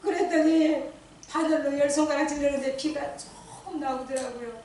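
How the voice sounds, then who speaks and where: A middle-aged church deaconess shares a personal testimony before her congregation, acting out her own cries and prayers as she goes. Her voice is a little high and expressive at a normal speed. It carries from a distance through a very echoey hall, with slight hiss or hum.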